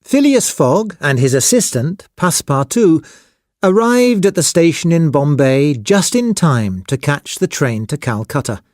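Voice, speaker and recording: Slow, expressive man narrating a storybook. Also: on the high side, no echo, studio quality. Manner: slow, expressive, clearly spoken. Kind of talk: scripted storybook narration for children.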